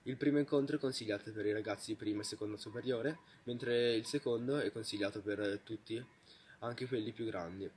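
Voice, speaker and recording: An anonymous correspondent in a mock newscast, speaking through an electronic filter that pitches the voice down to disguise it, reading the announcements in a steady, plain way. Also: fairly quick, slight background noise. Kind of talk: read news report.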